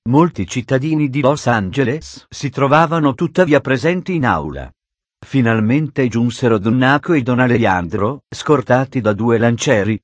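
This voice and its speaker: A man's voice: mid-range voice, no room sound. Man reading a story in a dry voice. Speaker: narrator.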